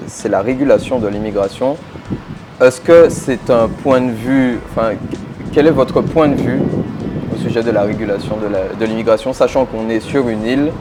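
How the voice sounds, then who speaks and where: A man interviewing a candidate outdoors, asking questions in a hesitant way with fillers. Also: medium pitch. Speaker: journalist interviewer.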